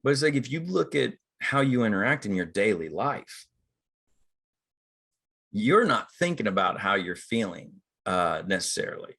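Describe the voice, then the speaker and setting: This husky, fairly low male voice is very animated, with vocal fry and a fairly bright tone at a normal pace. He's a middle-aged acting coach giving a casual talk on screen acting, acting out each inner thought he quotes in a conversational way.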